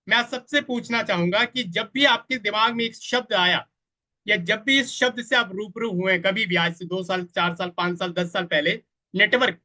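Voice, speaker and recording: A man with a high voice leads an online training session. His tone is bright and sharp, and he speaks straight to his viewers, often stopping to ask them to reply in the chat. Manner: addresses the audience directly, asks for chat replies; quotes others in a voice of their own. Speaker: network marketing trainer. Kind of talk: live online training presentation.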